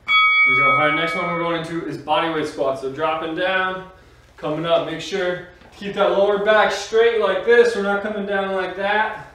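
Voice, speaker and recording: Male aerobics instructor, fairly high voice, urging workout cues, very echoey small gym, distant mic. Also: steady tone, normal speed. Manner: motivational, urging, calling out short cues during exercise. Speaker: fitness instructor. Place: small home gym with bare walls, indoors. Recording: echoey room, distant mic, faint noise.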